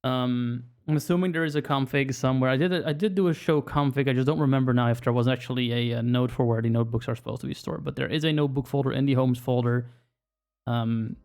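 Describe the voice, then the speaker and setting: Casual man thinking aloud at mid pitch. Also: quick pace. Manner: relaxed, rambling, thinks aloud with many fillers. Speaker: screen reader user presenting a tutorial. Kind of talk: casual walkthrough narration.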